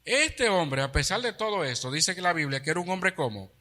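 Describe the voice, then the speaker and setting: Male pastor, fairly high bright voice, explanatory Bible-study sermon with rhetorical questions. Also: sing-song, fairly quick. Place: church.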